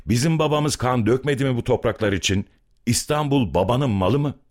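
A man's voice: deep voice, very animated, measured pace, darkish tone. A man voicing a bitter, angry young brick-kiln worker who is far from home, in a dramatic story reading. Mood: furious. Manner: bitter, accusing, heated.

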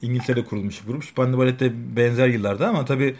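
A man's voice: mid-range voice, very fast, darkish tone. A middle-aged man in casual chat, explaining things in a knowledgeable, matter-of-fact way. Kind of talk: casual chat about music and fashion.

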